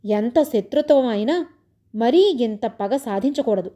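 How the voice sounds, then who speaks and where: A woman's voice: on the high side, animated, a little slow, warm tone, dull audio. A woman voicing a sulky, suspicious young husband who complains sarcastically, in a storybook reading. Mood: grumbling.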